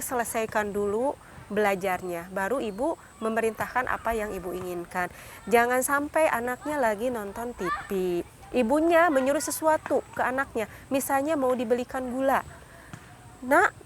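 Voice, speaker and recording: A woman's voice: on the high side, slight background noise. A young adult woman giving a seminar to parents, going through numbered points, often calling the audience "Bapak Ibu" and acting out what parents say. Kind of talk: instructive talk to parents.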